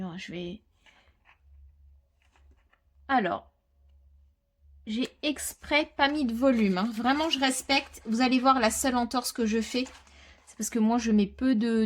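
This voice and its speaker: A woman with a fairly high voice talks viewers through a craft project step by step. She keeps a relaxed, chatty flow, explaining as she works and now and then muttering softly to herself. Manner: chatty, explains while working, with quiet muttered asides. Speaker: crafter presenting a scrapbooking tutorial. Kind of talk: casual step-by-step craft tutorial.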